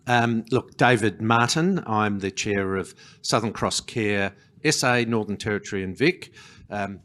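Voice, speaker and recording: A man's voice: fairly low pitch, a little slow, fairly bright tone. A man introducing himself on a conference panel into a handheld mic, careful and hesitant as he clarifies. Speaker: panellist, board chair. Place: conference stage. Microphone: handheld microphone.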